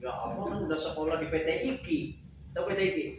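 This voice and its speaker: A man from Java teaching a Quran recitation class, joking with students and chanting verses slowly for them to repeat. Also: fairly high pitch. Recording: echoey room from far off, background noise.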